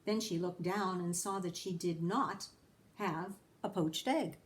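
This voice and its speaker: A woman reading a children's storybook aloud in an expressive storytelling style. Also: on the low side, a little slow. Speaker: storybook reader.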